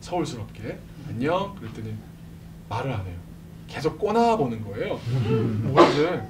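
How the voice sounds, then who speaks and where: A man telling a lively testimony to a church congregation, acting out the voices of the people in his story and laughing often. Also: mid-range voice, normal speed. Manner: animated, acts out quoted voices, laughs often. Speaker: speaker at a church service. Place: church sanctuary. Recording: distant mic with background noise.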